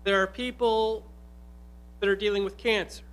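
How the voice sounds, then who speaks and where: A man's voice: sits high, fairly even intonation, normal speed, fairly bright tone, clean tone. A man in his forties, a pastor giving an earnest, conversational sermon from a pulpit in a church hall. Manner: earnest, conversational preaching with asides. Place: church hall with altar table. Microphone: stand microphone at pulpit.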